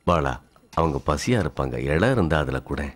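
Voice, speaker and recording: An actor playing a devout, compassionate man who speaks gently and earnestly in a film drama. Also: rumbling low, animated, normal speed. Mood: pleading, firm.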